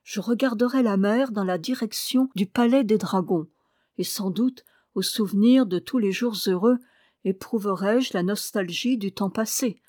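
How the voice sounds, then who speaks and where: A woman voicing Samébito, a gentle shark-man. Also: medium pitch, moderate pace, no room sound, clean studio sound, close to an everyday voice. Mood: wistful. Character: sorrowful, gentle male shark-man sea creature.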